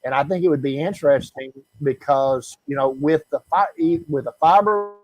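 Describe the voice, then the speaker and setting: A man hosting a casual video call chat, his audio cutting out with words dropping and repeating, talking haltingly with many fillers and restarts. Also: on the high side, a little mellow, highs cut off. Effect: choppy connection cutting out, words dropping and repeating. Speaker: show host. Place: rural area on a weak internet connection.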